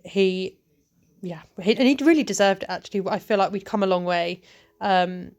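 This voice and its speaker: A woman's voice: medium pitch, normal speed, a little mellow. A woman, giving a chatty, casual voice-over about her own riding footage, with lots of ums and asides. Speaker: vlogger and event rider.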